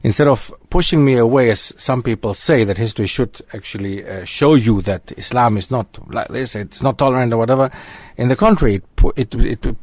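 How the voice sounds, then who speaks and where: A man who grew up in Germany, a guest historian on a radio talk show, lecturing in an animated way that wanders from point to point. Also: medium pitch, a little fast, few pauses, dry recording. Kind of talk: radio discussion. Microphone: studio microphone.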